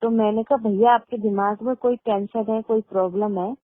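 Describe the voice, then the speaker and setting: A woman's voice: medium pitch, steady tone, normal speed, dry recording. Middle aged woman on a phone call, emphatic and fed up, tinny line, dry. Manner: emphatic, indignant, talks at length. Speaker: caller. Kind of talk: phone conversation.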